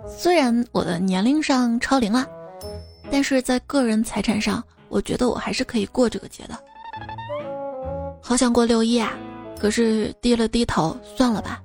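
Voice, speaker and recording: A woman with a fairly high voice tells funny anecdotes in a light, playful way and drops in short asides. Soft music plays faintly underneath. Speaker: podcast host reading jokes. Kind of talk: comic storytelling. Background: faint background music.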